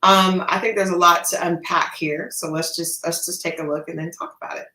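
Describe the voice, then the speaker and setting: A woman gives casual, reflective gossip commentary. Her voice sits a little low for a woman. The room around her is clearly echoey. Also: steady tone, a little fast, very noisy. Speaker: host of a gossip show. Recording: echoey, reverberant room sound.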